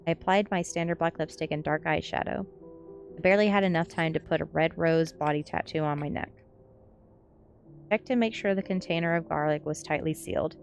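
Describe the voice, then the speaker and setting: In a deep, brisk voice, a woman streamer reads a novel aloud as cozy ASMR narration, with casual, welcoming chatter for her listeners and the occasional verbal stumble. Music plays behind her voice.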